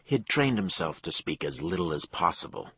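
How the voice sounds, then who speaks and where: Very deep-voiced male audiobook narrator. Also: sing-song, fairly bright tone, slightly rough, no room sound, highs cut off. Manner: low, measured storytelling with acted dialogue. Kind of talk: scripted thriller narration.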